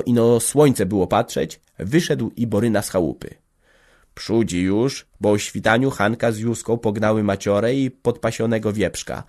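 A man with a voice on the low side narrates a classic novel as an audiobook, telling the story in a measured, even manner.

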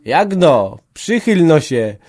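A man voicing a jovial village headman who teases in a loud, bawdy way. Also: a little high, sing-song, slow pace, faint music behind, pitched above the performer's own voice. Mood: teasing. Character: jovial teasing village headman, male, middle-aged.

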